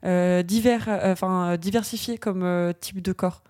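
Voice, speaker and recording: A woman's voice: lowish voice, fairly even intonation, moderate pace, a little mellow. A woman co-hosting a casual podcast, talking with frequent hesitations and fillers. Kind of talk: casual chat.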